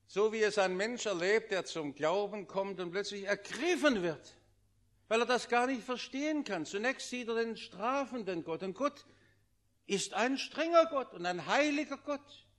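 A man preaching with a notably high voice. He is fervent, rising to loud pleading and then dropping to quiet, intimate words. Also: lively intonation, unhurried. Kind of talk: sermon.

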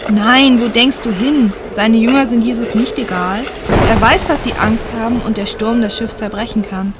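A woman's voice: a little high, steady tone, moderate pace, natural voice. A woman playing a patient, knowing storyteller who explains things in a children's radio play. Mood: reassuring, serious. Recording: clear storm noise behind narration.

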